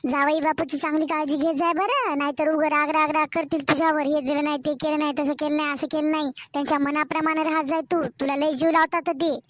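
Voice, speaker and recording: A woman's voice: sits high, level tone, quick pace, hardly any pauses, fairly bright tone, dry recording. A woman voicing a greedy, doting village mother in a cartoon story, fussy and wheedling. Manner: fussy, wheedling, scolding by turns.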